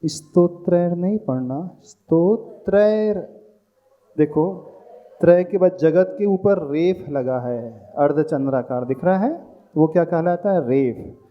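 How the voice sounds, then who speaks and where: A monk teaches the recitation of a Sanskrit hymn in a slow lesson, patiently drilling pronunciation syllable by syllable and chanting the verses. His voice is on the high side and expressive, a little slow, with the highs cut off.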